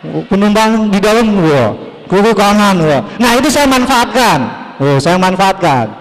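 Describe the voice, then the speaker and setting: A young man from Java performing a stand-up comedy set on a TV stage, telling stories with animated energy and acting out dialogue. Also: sits high, a little slow. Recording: reverberant stage hall.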